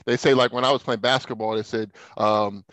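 A male podcast host chats casually and eagerly praises his guest. His voice is mid-pitched and dry, close to the mic, with no room sound. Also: fairly even intonation, brisk, a bit bright, no echo, rough recording. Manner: enthusiastic and encouraging, often says "man". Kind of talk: casual interview chat.

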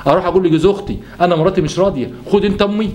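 A man's voice: high-pitched, rapid-fire, a little mellow, lightly acted. A man voicing a patient, weary Egyptian son caught between his wife and mother. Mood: weary, reasoning. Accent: Egyptian Arabic. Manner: reasoning, weary. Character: torn, patient adult son and husband.

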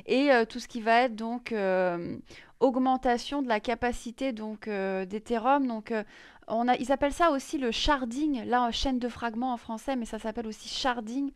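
A woman's voice: a little high, normal speed, clear, resonant tone, dry recording, studio quality. A woman presenting crypto news in a casual screen-share explainer, chatty and full of hesitations. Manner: many fillers and restarts, chatty.

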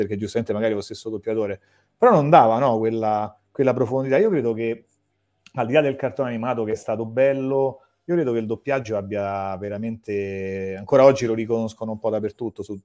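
A man's voice: fairly low pitch, a little mellow. A man interviewing a guest, chatting at length like a fan, with rambling sentences and frequent restarts. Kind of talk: casual interview chat.

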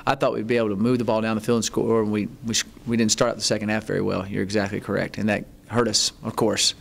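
A middle-aged man, a head football coach, answering reporters at a postgame press conference, halting, with many ums and restarts. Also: lowish voice, flat delivery, vocal fry. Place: press conference room, seated at table. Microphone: table mic in front.

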